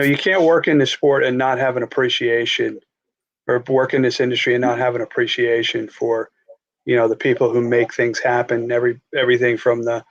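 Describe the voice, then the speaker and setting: A man's voice: medium pitch, dull audio. A man from Long Island with a Long Island accent, chatting as an interview guest about sports, with restarts and fillers. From New York, Long Island. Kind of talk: casual interview chat.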